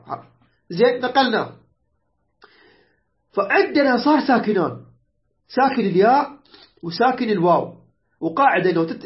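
In an online grammar class, a medium-pitched teacher with an Iraqi Arabic accent slowly repeats words and spells out letters, patiently checking often that students keep up. The audio has its high frequencies cut off.

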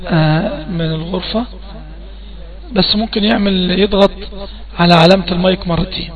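A man's voice: high voice, normal speed, phone-quality sound. A man with an Egyptian accent teaching Quran recitation rules in an online class, quizzing his student and repeating questions to prompt answers. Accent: Egyptian Arabic.

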